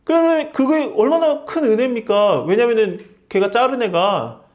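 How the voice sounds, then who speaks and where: A man's voice: very high voice, moderate pace, muffled recording. A middle-aged man leading an informal Bible study, acting out quoted lines and laughing often. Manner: animated, acts out quoted dialogue, laughs often.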